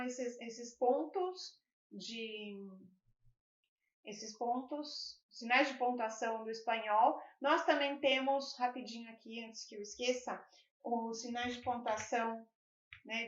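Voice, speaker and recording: A woman teaching a video lesson, a native Spanish speaker with a fairly high voice. She explains patiently and keeps checking that her students follow. The room echoes and the sound is a little dull.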